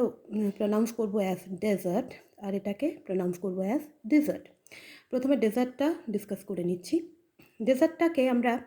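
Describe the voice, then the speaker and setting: A woman's voice: mid-range voice, mellow. A woman with a Bengali accent teaching English grammar in a patient explanatory lesson, often checking in with the listener. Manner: patient, checks in with "okay?" and "accha".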